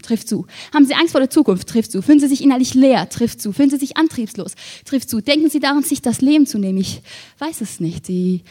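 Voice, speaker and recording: Woman, slam poet, higher voice, rhythmic rhyming delivery, shifts from hushed to loud. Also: expressive, fast talker. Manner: rhythmic, rhyming delivery with sharp swings between soft and loud. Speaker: spoken word poet. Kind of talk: performed slam poetry.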